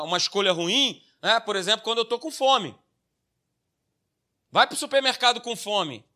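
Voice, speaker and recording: A man's voice: high voice, bright, forceful tone. A man with a Brazilian Portuguese accent preaching a sermon, stressing his points by repeating key phrases and checking in with tag questions.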